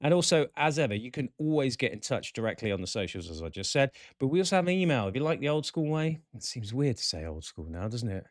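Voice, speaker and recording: A man hosting a chat show, excitable and talkative. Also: mid-range voice, quick pace, few pauses, dry recording, clean studio sound. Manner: excitable, chatty, animated. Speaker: podcast host.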